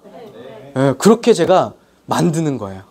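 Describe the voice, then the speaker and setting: A woman's voice: deep voice, unhurried, breathy edge. A woman lecturing at a sales seminar, telling stories and questioning the audience. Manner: animated storytelling, questions to the audience.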